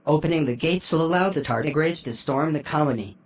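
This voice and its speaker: Doc, a gentle care robot. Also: medium pitch, husky. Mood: formal. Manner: courteous, formal, measured. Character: polite computerized doctor robot, calm and helpful. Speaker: infirmary computer.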